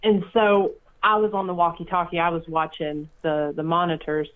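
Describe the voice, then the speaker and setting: A man's voice: a little high, flat delivery, normal speed, clean tone. A man hosting a podcast, chatting casually with fillers and repeated words. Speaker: podcast host. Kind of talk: casual interview chat. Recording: tinny phone-like line.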